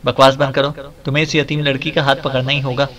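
A man voicing a domineering, wisecracking male detective who issues threats in a mid-pitched voice. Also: level tone, fast, a bit bright, lo-fi sound, lightly acted. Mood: bossy. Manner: bossy, threatening.

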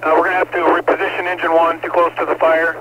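A man with a slightly high voice directs a fire scene over two-way radio, issuing urgent, terse orders in a narrow, even range while pausing now and then with "uh." The transmission is static-heavy, clicking, noisy, and band-limited like typical fire radio traffic.

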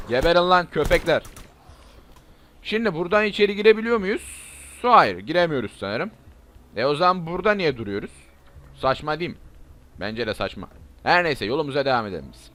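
Young male gamer, fairly high voice, chatty play-by-play that flares into shouting during action. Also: fairly quick, long pauses. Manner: excitable, shouts and curses at zombies. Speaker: gaming YouTuber. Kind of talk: let's play commentary.

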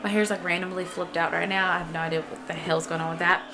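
A woman's voice: on the low side, flat delivery, fast. A woman chatting informally and playfully as she narrates a home vlog on a handheld camera. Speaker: home vlogger. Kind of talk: casual vlog chat with narrated cooking. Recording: clear background noise.

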